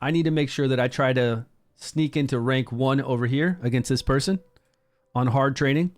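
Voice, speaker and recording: A man's voice: mid-range voice, moderate pace. A man casually commenting during a game livestream, chatting with viewers and greeting them by name. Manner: upbeat, promotes the game.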